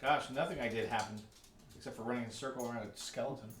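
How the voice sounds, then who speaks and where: A man's voice: medium pitch, very fast, a bit bright, faint music behind. A man chatting jokily and reading aloud as he plays a tabletop game. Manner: jokey. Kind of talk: casual chat and reading out during a board game. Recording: echoey room, clear background noise.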